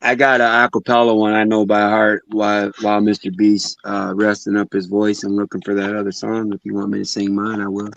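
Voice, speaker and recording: A man's voice: lowish voice, monotone, brisk, gravelly, few pauses, a bit bright, no echo. A man joining a stream in casual chat, easygoing, heard through a dull lo-fi line. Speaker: stream guest. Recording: dull lo-fi sound.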